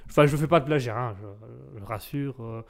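A man's voice: medium pitch, normal speed, gravelly. A young man hosting live radio, joking and mocking himself in banter. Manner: playful, self-mocking banter. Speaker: radio host.

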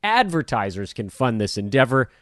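A man's voice: medium pitch, big pitch swings, normal speed, fairly bright tone, no room sound, clean studio sound. A man hosting a sports podcast, chatting casually and rambling a little as he wraps up the show with plugs and thanks. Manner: upbeat, rambling, self-deprecating. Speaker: podcast host.

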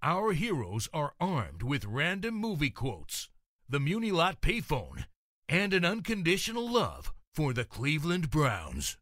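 A man reading a mock movie-trailer promo in a dramatic, drawn-out voice-over style. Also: on the high side, huge pitch swings, fairly bright tone, no echo, clean studio sound. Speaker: trailer narrator.

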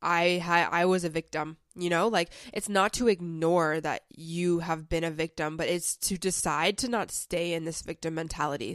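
A young woman hosting a self-help podcast speaks in a smooth, lowish voice that sounds slightly off because she's a little sick. Chatty and loose, she fills her talk with frequent "like"s. She sits close to the mic in a dry room with no room sound.

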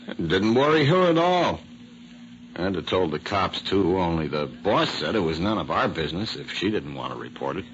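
A man's voice: low voice, sing-song, moderate pace. An American actor playing a blunt, folksy working-class male mechanic in an old-time radio drama, slangy and plain-spoken. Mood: blunt, matter-of-fact. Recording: noisy, muffled old radio recording.

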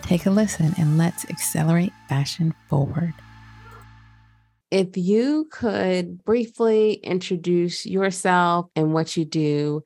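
A woman's voice: on the low side, slow, darkish tone, soft background music. A woman hosting a podcast, reading a polished, upbeat intro and asking interview questions. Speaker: podcast host.

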